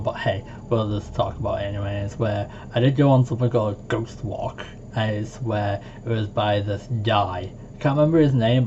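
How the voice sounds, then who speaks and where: A man rambles through his own stories in a loose storytime vlog, leaning on fillers and leaping high when he quotes people. His voice is mellow and rather dark. The recording is dull and lo-fi with a faint hiss behind it. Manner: rambling, heavy on fillers like "like" and "it's where"; jumps to a much higher pitch when quoting people. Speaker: storytime vlogger. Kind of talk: casual storytelling monologue.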